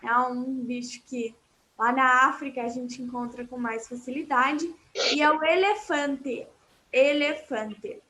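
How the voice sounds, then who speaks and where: A woman's voice: sits high, steady tone, measured pace, pushed and bright. A woman with a Brazilian accent teaching Portuguese vocabulary in an online class, explaining patiently and repeating words for her students.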